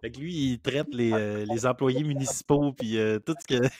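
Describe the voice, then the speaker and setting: A man hosting a podcast, talking casually with hesitant fillers and quick laughs. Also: medium pitch, darkish tone, dry recording, studio quality. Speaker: podcast host. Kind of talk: casual chat.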